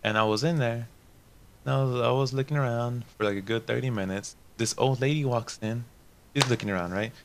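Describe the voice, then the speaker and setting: A man's voice: mid-range voice, brisk. A young man telling viewers a casual, rambling story in a chatty, slangy way. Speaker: gaming channel host.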